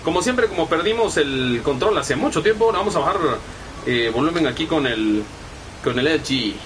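A man's voice: a little high, lively intonation, moderate pace, background noise. A young man with a Guatemalan Spanish accent giving profane, chatty live gameplay commentary and reading chat messages aloud. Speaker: gaming streamer.

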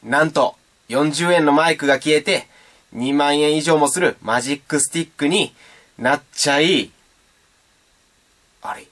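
A man's voice: fairly high pitch, unhurried, pauses often, a bit bright, a little hiss or hum. A man giving a casual, playful beatbox tutorial and demonstrating sounds as he explains. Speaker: beatbox teacher.

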